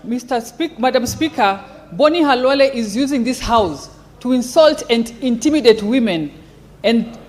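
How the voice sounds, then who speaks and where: A woman's voice: high-pitched, slight background noise. A woman with a Kenyan accent speaks as a senator raising a point of order. She is insistent and indignant, pressing her objection combatively.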